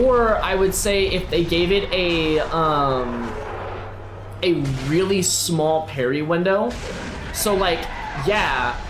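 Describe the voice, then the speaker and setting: A man chats playfully through his gameplay, his voice sitting a little high for a man and bouncing into sing-song asides. The room rings with echo, and steady noise runs under him. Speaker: gameplay streamer. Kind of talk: casual gameplay commentary.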